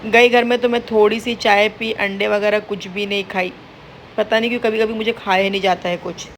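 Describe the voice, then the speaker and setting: A woman's voice: medium pitch, steady tone, a little fast, slight background noise. A young woman chatting to viewers in a casual home vlog, recorded indoors. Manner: chatty, addresses viewers directly. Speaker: vlogger.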